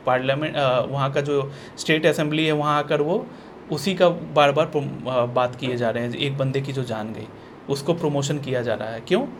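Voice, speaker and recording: A man's voice: fairly high pitch, slight background noise. A man talking in a blunt, sarcastic ranting style, often repeating himself and restarting sentences, as a vlogger. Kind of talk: ranting opinion vlog.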